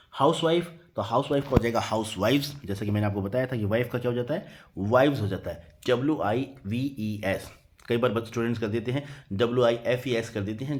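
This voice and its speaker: Patient man teaching a grammar lesson. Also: mid-range voice. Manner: patient, repeats "theek hai" after each point; spells words out letter by letter. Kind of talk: Hindi-medium grammar lesson.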